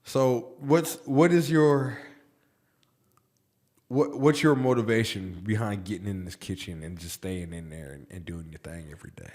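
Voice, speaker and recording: A man's voice: fairly low pitch, a little mellow. Easygoing male podcast host. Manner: easygoing, supportive, halting questions. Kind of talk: casual podcast chat.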